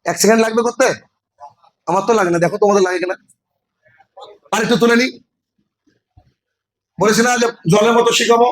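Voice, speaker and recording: Speaking fairly quickly but with long pauses, a high-pitched man from West Bengal teaches English step by step in a board-equipped classroom, checking that students follow. The recording quality is low.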